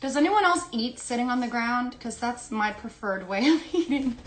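A woman's voice: on the high side, animated, normal speed, echoey room. Chatty giggly woman on a livestream. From South America. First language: Spanish. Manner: chatty, giggly, talks while eating. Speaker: Instagram live host. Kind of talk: casual livestream chat. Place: home room with pet dog. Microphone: phone or laptop livestream.

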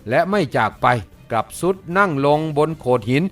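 Lively male audiobook narrator. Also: a little high, normal speed, faint music behind. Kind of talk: reading a Chinese martial-arts novel aloud.

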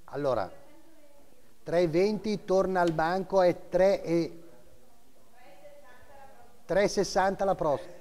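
A man's voice: high voice, slow pace, long pauses, darkish tone, long reverb tail. A middle-aged man working as an auctioneer, calling bids and lot numbers live in short clipped phrases, often repeating the figures. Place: auction house room, seated behind a desk, indoors.

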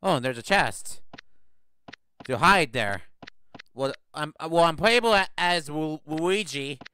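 A man giving halting let's play commentary on a video game, repeating himself and trailing off. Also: fairly high pitch, animated, sharp tone, a little hiss or hum. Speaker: gamer.

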